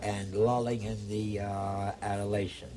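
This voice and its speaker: A man's voice: lowish voice, flat delivery, unhurried. A man reminiscing plainly in a documentary interview.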